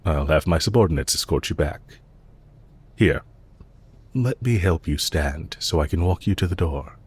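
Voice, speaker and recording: A man plays a smooth, calculating villain leader in an intimate audio roleplay, speaking gently and politely to the listener with measured, lightly teasing courtesy. His voice is low, animated, and husky, and he comes across as considerate.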